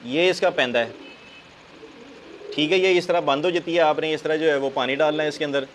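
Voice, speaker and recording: A man's voice: a little high, fairly even intonation, a little fast, poor audio. A man gives casual, chatty advice on keeping pigeons and keeps saying "theek hai". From Pakistan. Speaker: pigeon keeper giving advice. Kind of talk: casual how-to talk. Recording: faint bird noise in background.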